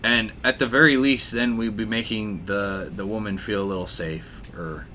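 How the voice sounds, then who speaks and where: A man with a slightly low voice co-hosts a satirical chat show. He speaks earnestly but haltingly, padding his thoughts with fillers and restarts. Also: steady tone, sharp tone, a little hiss or hum. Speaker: podcast co-host.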